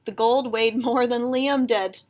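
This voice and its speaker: This is a woman's expressive read-aloud of a kids' picture book. She sounds a little high and goes a little slow.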